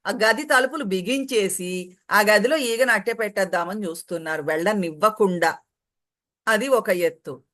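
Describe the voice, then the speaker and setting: A woman teaching in a calm spiritual discourse. She explains patiently, sometimes recites Sanskrit verses, and acts out short everyday quotes as examples. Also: medium pitch, moderate pace. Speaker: spiritual teacher translating commentary.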